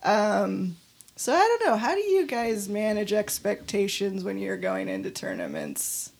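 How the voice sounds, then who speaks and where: Young woman podcast host, gravelly fry, laughs a lot, rambly casual chat. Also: mid-range voice, very animated, unhurried, darkish tone. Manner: chatty, laughs often, fillers like "like".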